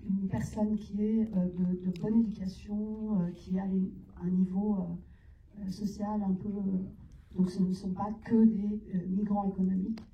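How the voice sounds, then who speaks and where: A woman's voice: mid-range voice, flat delivery, unhurried, a little hiss or hum. A woman actress of Iranian origin, answering questions at a cinema talk in hesitant phrases with many fillers. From Iran. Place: cinema hall. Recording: echoey, distant and muffled room sound.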